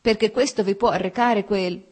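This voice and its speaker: A woman's voice: medium pitch, steady tone, normal speed, a little mellow, voice pushed up, close to an everyday voice. A woman reading an audiobook, voicing a troubled young male officer who questions and reproaches tensely.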